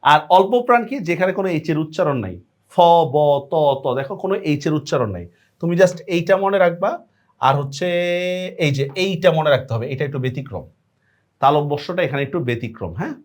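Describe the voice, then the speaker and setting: A young man teaching an online exam-prep lesson, repeating answers and firing quick check questions at students. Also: a little high, expressive. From Bangladesh.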